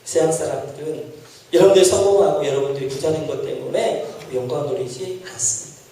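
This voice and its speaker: A male pastor delivering an impassioned sermon, his voice rising to shouts as he acts out prayers. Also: a little high, a little fast, a little hiss or hum. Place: church sanctuary. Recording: echoey church hall, mic at a distance.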